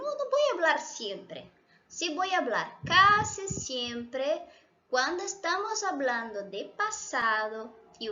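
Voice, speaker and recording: A woman's voice: high-pitched, sharp tone, lo-fi sound. A woman from Brazil, a native Portuguese speaker with a Brazilian accent, patiently explaining Spanish grammar and often checking in with her students. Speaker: Spanish teacher.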